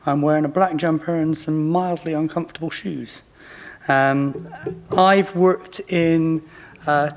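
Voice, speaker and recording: Male, late 50s, modern British RP accent, slightly raised pitch, presenting a product informally as a company representative. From Bristol, England. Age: late fifties.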